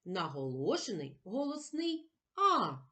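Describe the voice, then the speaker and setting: A woman teacher giving a slow lesson to young children, sounding out letters and syllables clearly. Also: mid-range voice, huge pitch swings, pushed and bright.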